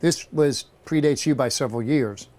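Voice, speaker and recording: A man co-hosting a tech webinar, adding quick asides and jokes to the discussion. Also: medium pitch, a little mellow. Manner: chimes in with quips and asides. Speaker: webinar co-host.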